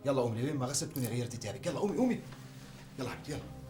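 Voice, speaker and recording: Man acting as anxious older brother, rapid speech, soft music behind. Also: medium pitch, expressive, natural voice. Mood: insistent. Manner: coaxing, insistent, rising to shouts. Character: protective young man, pushy and anxious. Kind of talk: TV drama acting.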